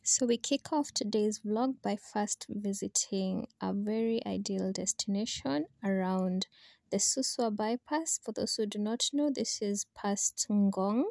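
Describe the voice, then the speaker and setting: Young Kenyan woman vlogger, chatty voice-over, close and dry, slight fry. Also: mid-range voice, unhurried, darkish tone, no echo. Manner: chatty, directs viewers. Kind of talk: voice-over travel vlog narration.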